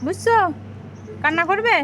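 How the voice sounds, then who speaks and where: A woman's voice: very high voice, normal speed, a bit bright, a little hiss or hum. A woman talking to her small child at bath time, coaxing in a sing-song voice and saying the same words again and again. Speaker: mother.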